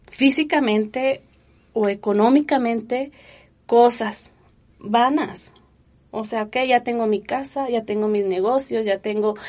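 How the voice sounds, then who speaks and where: Woman, thirties, higher voice, heartfelt testimony, chatty fillers. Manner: earnest, animated storytelling with many fillers. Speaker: interviewee. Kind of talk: emotional personal testimony.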